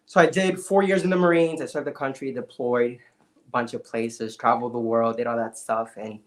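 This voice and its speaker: A young man from the Dominican Republic, telling his life story as a podcast guest in an energetic, emphatic way. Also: mid-range voice, normal speed. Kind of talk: casual interview storytelling.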